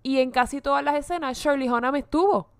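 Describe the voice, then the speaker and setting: A woman chatting about a film on a podcast, animated, swearing freely and dropping English words into her talk. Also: high-pitched, a little fast, no room sound. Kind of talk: casual film review chat.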